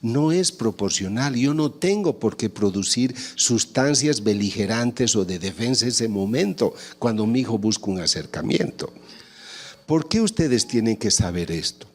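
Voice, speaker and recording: A man's voice: fairly low pitch, animated, normal speed. A man giving a lecture, explaining ideas and acting out little family dialogues to make his points. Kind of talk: conference talk. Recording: long hall reverb.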